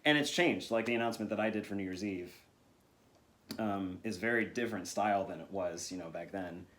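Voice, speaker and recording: A man speaking as a voice actor guest in a casual interview, relaxed and thoughtful, rambling with lots of fillers. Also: lowish voice, brisk.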